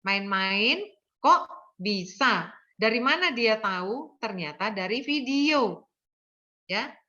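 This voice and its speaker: A woman's voice: on the high side, lively intonation, slow, bright, forceful tone, dull audio. An older woman, a nursing lecturer, giving an earnest lecture full of anecdotes and often checking in with her listeners. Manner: earnest, tags sentences with "ya".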